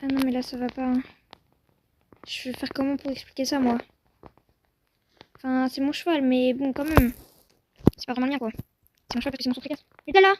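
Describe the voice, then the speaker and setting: A woman's voice: sits high, steady tone, fairly quick, pauses often, noisy background. A young woman commenting on a horse-riding game while coaxing and calling her horse. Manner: soothing horse-talk, swinging to panicked shouting. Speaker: Roblox horse-riding roleplay streamer. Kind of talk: casual gameplay commentary talking to her virtual horse.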